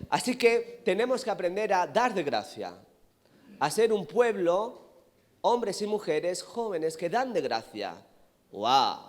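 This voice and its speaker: A man with a Spanish accent from Spain preaching a sermon, building to loud emphatic peaks and questioning the congregation. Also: fairly high pitch. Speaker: pastor. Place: church hall. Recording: reverberant hall.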